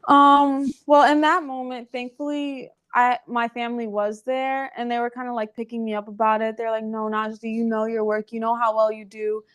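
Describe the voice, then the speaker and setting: A young woman in her twenties chats through a casual interview, her voice smooth and clear and sitting a touch high. She fills her sentences with little fillers and tells her story in an animated, running way, recorded in her own nail salon. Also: normal speed, few pauses. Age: 20s. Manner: chatty, filler-heavy with many "like"s, animated retelling. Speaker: guest, nail salon owner.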